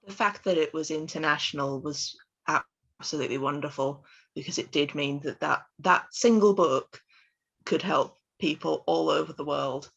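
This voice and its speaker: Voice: mid-range voice, normal speed, vocal fry, a bit bright, dull audio. An interviewer speaking in an enthusiastic, appreciative way during a casual conversation over a video call.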